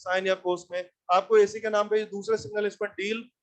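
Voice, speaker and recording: A man's voice: high voice, level tone, moderate pace. A man teaching an electronics class, who talks bluntly, scolds his students and keeps firing questions at them.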